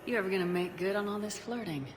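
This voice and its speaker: A woman's voice: mid-range voice, fast talker, lightly acted. A woman playing a confident military commander in a video game, composed and direct with a dry wit. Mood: wry. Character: steady, wry female military commander, confident.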